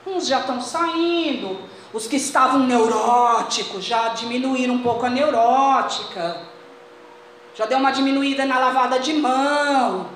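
A woman's voice: high voice, measured pace. Fervent Brazilian woman preaching in echoey church. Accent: Brazilian Portuguese. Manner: fervent, addresses congregation as brothers. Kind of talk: sermon. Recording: very echoey church hall, faint noise.

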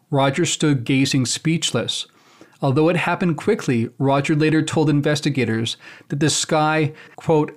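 A man hosting a show, reading aloud from a book in a measured, deliberate way and then commenting on it. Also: mid-range voice. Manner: measured, deliberate storytelling delivery. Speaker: host.

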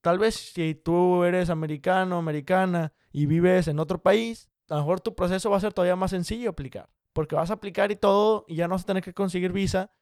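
Young man, direct advice to the viewer, slightly high voice, dry close sound. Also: a little mellow, smooth, dry recording. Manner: direct, brisk and encouraging, addresses the viewer as "you". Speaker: career advice vlogger. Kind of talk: casual explanatory talk to viewers.

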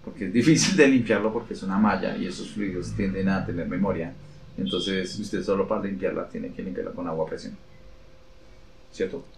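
A man hosting a casual chat, joking and excitable, asking long rambling questions. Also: sits low, a little fast, gravelly. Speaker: podcast host. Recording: echoey room, faint ambient noise.

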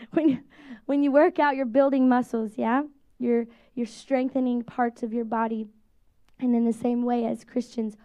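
Woman pastor, thirties, high mellow voice, chatty animated sermon, slightly dull recording. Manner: conversational, animated preaching with quoted voices.

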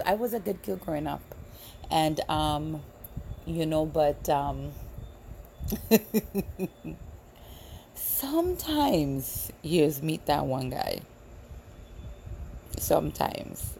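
Low, gravelly, and darkish in tone, this late-thirties livestream host from Trinidad tells stories in a chatty, familiar way, frequently speaking directly to her audience. Music plays in the background, along with slight background noise.

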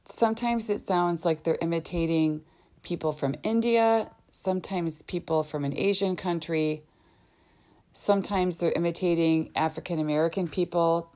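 A woman's voice: fairly low pitch, normal speed, darkish tone, no room sound. A mother telling first-person parenting stories in a reflective, earnest and candid way.

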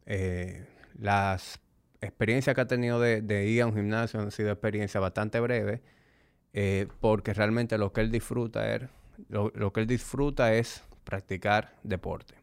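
A man with a lowish, gravelly yet smooth voice hosts a fitness podcast on his own, chatting and explaining directly to the listener. His intonation is fairly even and his pace measured, and the studio-quality recording has no room sound.

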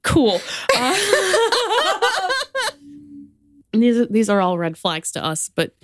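A woman's voice: high-pitched, wildly swooping pitch, very slow, noisy background. An American woman co-hosting a true-crime podcast, telling the story in a casual, chatty way with many fillers. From United States. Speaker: podcast co-host.

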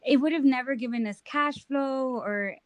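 A woman's voice: sits high, normal speed, dry recording. Chatty young New woman. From New York. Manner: chatty, many ums and I-means. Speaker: guest. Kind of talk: casual interview.

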